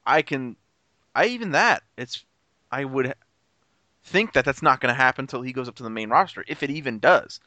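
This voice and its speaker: Animated, blunt, swearing male podcast guest. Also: medium pitch, normal speed, no echo. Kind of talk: casual chat.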